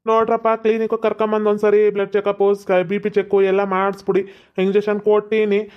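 A man's voice: high-pitched, monotone, normal speed, clear, resonant tone, close to an everyday voice. A man voicing a boastful, reassuring village doctor in a cartoon. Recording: dull lo-fi sound.

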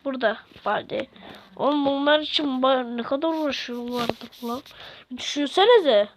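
A woman commentating as she plays a video game, excitable and grumbling at the game as she goes. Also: high-pitched, normal speed. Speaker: gamer. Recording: dull lo-fi with loud noise.

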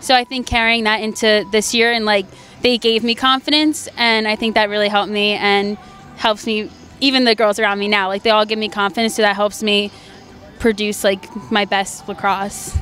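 A woman's voice: mid-range voice, level tone, moderate pace, fairly bright tone, faint music behind. A young woman college athlete giving a postgame interview outdoors at a stadium, speaking into a handheld mic in a bubbly way, full of "like". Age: young adult. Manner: bubbly, peppers talk with "like". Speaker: college player. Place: outdoor stadium by a sports field. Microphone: handheld interview mic held in front.

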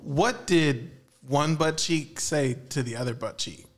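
Young guy, unhurried, slightly high voice, leering smutty joker. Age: young adult. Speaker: joke teller. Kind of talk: dirty joke-telling in casual banter. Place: small indoor podcast studio. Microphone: desk microphone on stand.

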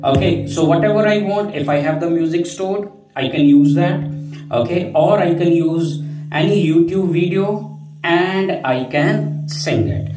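A man's voice: on the high side, measured pace. North Indian man in an echoey room. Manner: repeats phrases, tags sentences with "okay". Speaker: tech vlogger. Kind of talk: casual product demonstration to camera. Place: indoor room at home. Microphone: wireless lavalier, partly heard through a speaker. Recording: roomy, distant mic, music behind.

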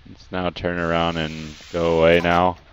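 A man's voice: sits low, completely flat delivery, moderate pace. A young man giving casual, nervous commentary as a scared horror game streamer, muttering to himself. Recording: dull lo-fi mic, light background noise.

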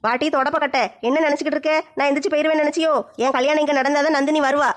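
A woman's voice: high-pitched, level tone, very fast. A woman acting a village comedy sketch in a brash, mocking way. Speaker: comic sketch performer.

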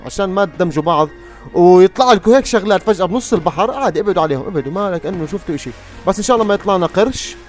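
A young man giving excitable live gameplay commentary, often exclaiming at surprises, with game music behind him. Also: fairly high pitch. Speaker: gaming youtuber.

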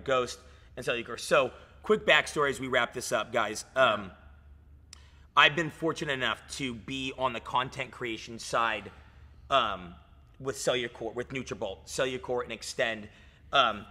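A man's voice: mid-range voice, expressive, normal speed, pushed and bright. A man in his thirties, a fitness coach talking in a casual podcast chat, hyped and swearing, saying "dude" and "like" a lot, recorded in a gym lounge. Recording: reverberant gym room.

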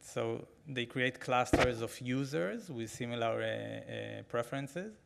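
A man's voice: mid-range voice, a little slow, gravelly, very noisy. A man in his forties speaking at a podium microphone in a big conference hall. He talks conversationally and with energy, with many fillers and restarts. His voice sits in a middle register. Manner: conversational, animated, frequent fillers, gestures while talking. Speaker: keynote speaker. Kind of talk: conference keynote.

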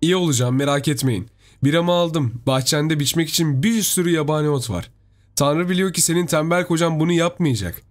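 A man's voice: a little high, a little fast, natural voice. A man voicing his joking, easygoing best friend who teases lightly. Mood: teasing. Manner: playful teasing.

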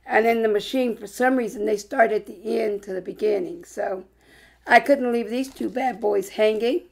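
A woman hosting a casual vlog about scratching lottery tickets, sounding hoarse and a little congested while chatting in an upbeat way with bursts of excitement. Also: on the high side, moderate pace.

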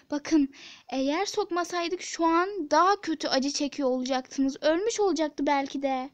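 Give me a woman doing a soothing nurse, quiet and high-pitched. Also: highs cut off. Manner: soft, hesitant and pleading. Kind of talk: Turkish toy-app drama voice acting.

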